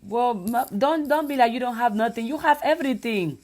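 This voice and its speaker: A woman's voice: fairly high pitch, animated, brisk, darkish tone. A woman hosting a live stream chat, encouraging and affirming her guest.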